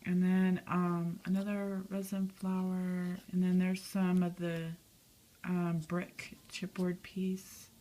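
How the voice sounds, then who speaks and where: A woman narrating a craft video, listing the materials on her art piece in a soft, chatty way and often dropping to a whisper. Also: lowish voice, low-quality recording. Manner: soft, chatty, lots of "um" and "and then". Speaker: craft vlogger. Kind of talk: casual show-and-tell narration.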